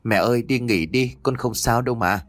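A man's voice: medium pitch, moderate pace, fairly bright tone, no room sound, clean studio sound, natural voice. A man playing a frightened young man who pleads and rises to a cry. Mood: weary.

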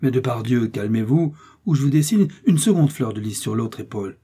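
A man reading aloud and playing a bold young swordsman, gallant and teasing, in a husky, dark voice. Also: mid-range voice, expressive, a little fast. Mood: mocking. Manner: gallant, mocking confidence.

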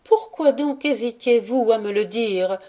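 A devoted young wife, as a woman reading an audiobook gives her voice speaks with earnest firmness. Her voice rises well above the narration, higher and brighter, pleading yet steady. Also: measured pace.

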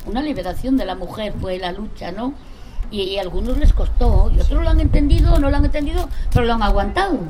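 A middle-aged woman from Spain, whose voice is a little high, speaks quickly and animatedly as a panel speaker for a group of mothers of drug-affected children. At this public talk she is earnest and blunt, swearing casually. The live recording is noisy.

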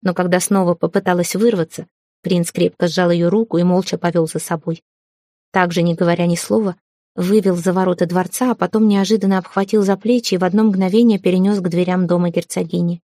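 A woman narrating a romantic fantasy audiobook in an even storytelling manner. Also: fairly low pitch, fairly quick, no room sound, clean studio sound.

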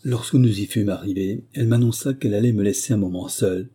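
A man reading a first-person memoir aloud as an audiobook narrator, in steady, measured storytelling. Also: fairly low pitch, breathy edge.

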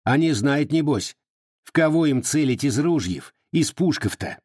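A man voicing a sly, nosy old village widow in an audiobook, with folksy, mocking peasant speech and a husky tone. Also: fairly high pitch, animated, a little slow, darkish tone, dry recording, studio quality, pitched above the performer's own voice. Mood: scolding mockery. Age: over 60.

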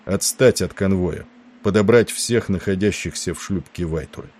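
Guy reading a tired calm sea captain, low steady voice, measured orders. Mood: weary. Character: weary, composed male ship captain.

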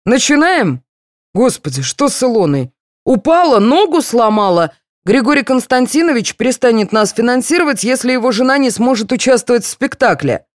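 Woman voicing a jittery fussy guy in charge, high and jumpy, dry close sound. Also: very animated, normal speed, no room sound. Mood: flustered. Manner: fussy, nervous. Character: flustered anxious male troupe leader.

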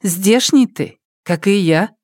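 A man's voice: lively intonation, slow, dry recording, studio quality. A man putting on a teasing village mother. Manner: teasing, coaxing, raised higher voice. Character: warm earthy peasant mother, teasing.

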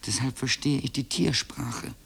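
A man's voice: medium pitch, unhurried, gravelly, a bit bright, husky, heavily acted. A man voicing a boy shrunk to elf size in a read-aloud children's story, muttering to himself. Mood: musing. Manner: muttering to himself, then snapping. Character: small, shamed boy turned elf-sized.

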